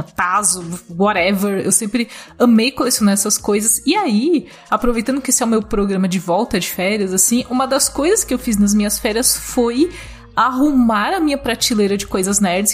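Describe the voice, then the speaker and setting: Husky-voiced woman hosting a podcast. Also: on the high side. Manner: enthusiastic, chatty. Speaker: podcast host. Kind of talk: casual chat.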